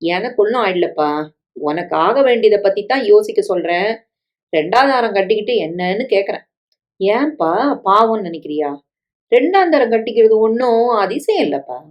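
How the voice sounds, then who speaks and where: A woman's voice: medium pitch, expressive, normal speed, natural voice. A woman voicing a scheming middle-aged stepmother who coaxes, pleads and guilt-trips, in a story reading with dialogue. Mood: coaxing. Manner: coaxing, pleading, guilt-tripping.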